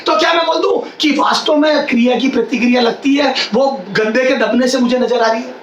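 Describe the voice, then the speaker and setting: A male physics teacher giving a classroom lecture in a loud, near-shouting voice, repeating phrases and quizzing his students. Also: extremely high pitch, steady tone, fairly quick, lo-fi sound. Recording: echoey classroom, mic far off, faint hiss.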